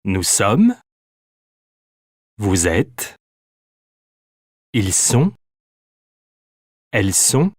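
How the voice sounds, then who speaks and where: A woman reading grammar drills for a language textbook, in slow, clearly spaced phrases. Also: rumbling low, big pitch swings, a little mellow, dry recording, studio quality. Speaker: textbook audio narrator.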